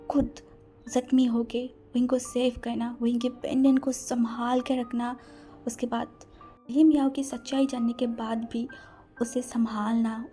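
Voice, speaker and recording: A woman's voice: on the high side, mellow. Woman narrating a dramatic fan story.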